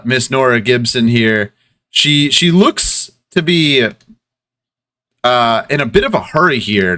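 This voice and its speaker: A man narrating a tabletop game as game master, relaxed and with many fillers. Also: mid-range voice, clear, resonant tone.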